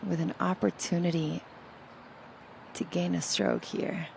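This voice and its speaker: Low-voiced woman doing live golf commentary. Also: flat delivery, a little slow, vocal fry, darkish tone, slight background noise, rough recording.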